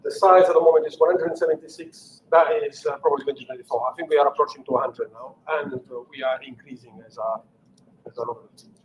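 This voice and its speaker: Speaking quickly in a steady, mid-range voice, a middle-aged Italian man with a matching accent delivers an off-the-cuff technical presentation as an engineering manager, stumbling through frequent fillers and restarts. The rough recording has a touch of hiss or hum.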